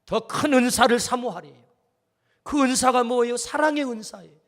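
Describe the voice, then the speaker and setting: High-voiced preacher in a reverberant hall. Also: male voice, normal speed, a bit bright. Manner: earnest storytelling preacher, acts out quotes. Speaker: pastor. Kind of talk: sermon. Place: church sanctuary.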